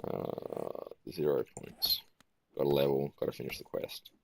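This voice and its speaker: A tired man giving casual gameplay commentary in a flat, musing way. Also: very deep voice, unhurried, vocal fry, a little hiss or hum. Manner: self-described monotone, relaxed and musing.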